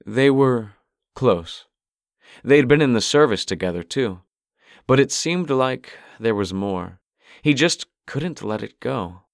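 A man voicing a guarded adult male police detective in an audiobook, in a measured, somber way. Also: on the low side, creaky, dry recording. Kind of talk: audiobook character voice. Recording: dry close recording.

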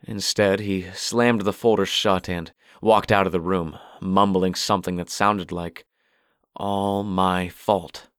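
A guarded, somber police detective, as a male narrator plays him in a low voice. He speaks in a measured way, told as an audiobook. The sound is dry and close to the mic. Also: fairly even intonation, a bit bright, no echo. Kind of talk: audiobook character voice.

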